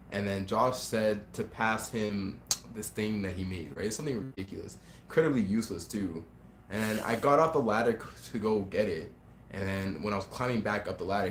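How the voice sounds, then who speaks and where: Male co-host, lowish voice, teasing and slangy, casual stories, roomy echo. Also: fairly bright tone. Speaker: podcast co-host. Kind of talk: casual banter and storytelling. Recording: echoey room, faint noise.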